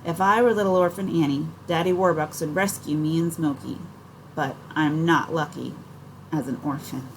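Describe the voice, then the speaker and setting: A woman reads a first-person novel aloud in an even, storytelling manner. Her voice sits a little low. A faint noise floor hums under the reading. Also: normal speed, poor audio. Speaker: audiobook narrator. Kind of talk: first-person audiobook narration.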